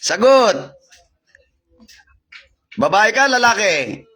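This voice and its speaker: A man's voice: high voice, very animated, drawn-out words, pushed and bright, a little hiss or hum. A man working as a faith healer on a live stream, issuing repetitive commands and interrogating a spirit. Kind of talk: live-streamed healing and exorcism.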